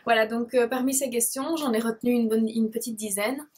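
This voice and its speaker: A shy Belgian woman in her twenties, a beauty blogger and vlogger from Liège province, answers viewer questions to camera with a Belgian French accent. She sounds hesitant, full of fillers and restarts, her fairly high voice steady, brisk, a little mellow and slightly rough.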